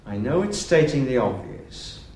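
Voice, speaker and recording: An actor playing an awkward, weary middle-aged male schoolmaster in a British TV soap, talking haltingly with sudden sharp outbursts. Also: medium pitch, big pitch swings. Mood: conciliatory. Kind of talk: 1980s British TV soap acting. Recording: roomy echo, faint hiss.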